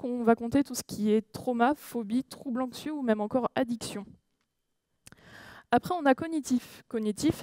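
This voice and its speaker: A woman's voice: fairly high pitch, warm tone, no room sound. A woman giving a talk at a conference, hesitant, with many fillers and self-corrections, checking in with her audience. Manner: engages the audience with questions. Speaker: conference speaker. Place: conference room.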